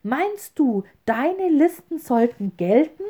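An indignant flock of birds cries out loudly in raised, high voices, as a woman reading a fairy tale plays them. They sound forceful and protesting, with a mellow warmth underneath. The delivery is unhurried. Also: very animated, heavily acted. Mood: angry. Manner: indignant, shouting together.

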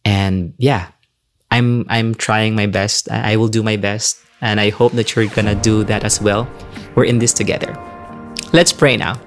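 A man's voice: on the low side, level tone, moderate pace, faint music behind. A young man, a faith community leader giving a candid, confessional reflection and a prayer, with many restarts.

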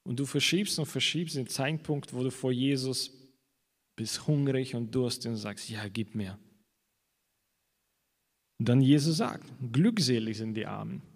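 A man preaching a sermon in a hall with a long, trailing reverb. His voice sits at an ordinary middle pitch. He talks earnestly and slows down to quote scripture.

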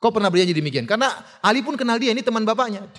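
Guy preaching, telling a story lively, high-ish voice, big echoey hall. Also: rapid-fire. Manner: lively storytelling with fillers and laughs. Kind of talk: religious lecture storytelling. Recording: long hall reverb.

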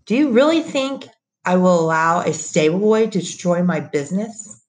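A woman's voice: fairly low pitch, expressive, normal speed, a little hiss or hum, lightly acted. A woman voicing a menacing, scornful middle-aged businessman who taunts and bullies. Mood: raging. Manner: sneering, taunting.

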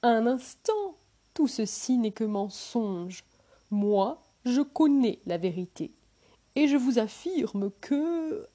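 A woman voicing quarrelsome male scholars who insist loudly that they alone know the truth. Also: fairly high pitch, animated, slow pace. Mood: indignant. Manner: shouting over one another, insistent.

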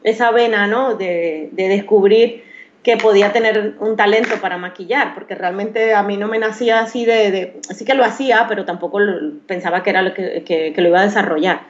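A Venezuelan woman in her thirties with a Maracaibo accent speaks at a medium pitch and a fairly quick pace. She's a guest on an interview, a professional makeup artist, answering hesitantly and restarting often. The recording sounds slightly dull and lo-fi.

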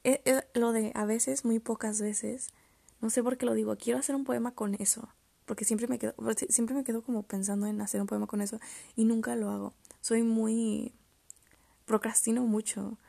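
Young woman muttering in gravelly fry. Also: on the high side, little pitch movement, moderate pace, warm tone, no echo. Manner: rambling, self-interrupting, often drops to mutters and whispers. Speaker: podcast host. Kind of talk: casual solo chat about poetry.

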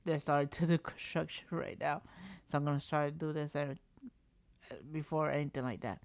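His voice is fairly high, clean, and fairly even in intonation, delivered at a moderate pace in a dry recording. The man, a vlogger in his thirties, candidly rambles through a personal story for his series, often saying "trust me" and "like" and cursing mildly now and then, at home with construction noise close by.

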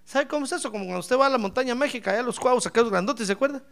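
A male pastor preaching a lively sermon, asking the congregation questions and swinging from shouts to soft asides. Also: extremely high pitch, very fast, gravelly. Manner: animated, playful, asks the congregation questions; bursts into shouts then drops to soft asides.

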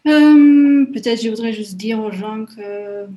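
A woman's voice: on the high side, a little slow, warm tone. A Hungarian woman speaking French as a second language with a Hungarian accent, talking hesitantly as an interview guest with fillers and small slips.

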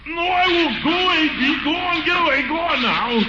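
A man playing a pompous, easily flustered bachelor uncle in 1940s radio comedy style, muttering to himself and squealing high when rattled, on a muffled, hissy old radio broadcast. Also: animated, measured pace. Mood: flustered scolding. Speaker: radio sitcom lead.

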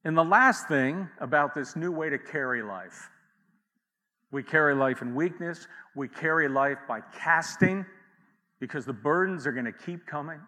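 A man preaches in a bright, forceful voice with a fairly high pitch. His delivery is conversational, full of asides and acted-out quotes. A long reverb trails each phrase, as in a large church hall. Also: normal speed. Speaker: pastor. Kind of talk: sermon.

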